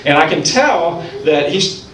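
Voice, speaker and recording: Animated stand-up comic from Ohio, roomy. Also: male voice, on the high side, a little slow, far from the mic. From Ohio, United States. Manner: storytelling with punchlines, animated. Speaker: stand-up comedian. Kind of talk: stand-up comedy set. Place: comedy club stage.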